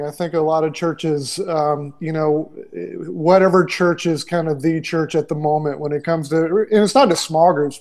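Speaking through earbuds on a video call from a small room, this man in his forties, a ministry consultant, has a voice that sits a little high for a man and sounds slightly mellow. His answers are loose and conversational, packed with fillers and restarts.

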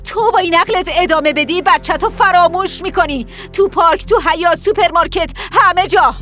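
A woman's voice: very high-pitched, pushed and bright, faint music behind. A woman voicing a fierce mother who berates and threatens her grown son in a dubbed TV drama. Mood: furious scolding.

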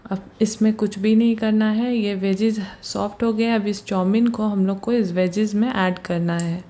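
Her voice is warm, steady, and medium in pitch. She runs a home cooking channel, and in her kitchen she calmly explains each stage of a recipe at an unhurried pace, pointing details out to the audience and saying "ye dekhiye" again and again.

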